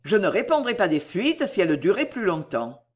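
A firm, authoritative doctor, as a male narrator puts him on in a storybook. He speaks briskly and commandingly, a little louder than the narration. The voice stays lively in its rise and fall. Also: high-pitched.

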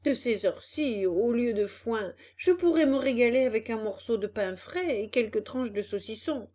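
A woman's voice: on the high side, lively intonation, normal speed, mellow. A woman voicing a young puppet turned into a donkey, whining and complaining. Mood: resigned.

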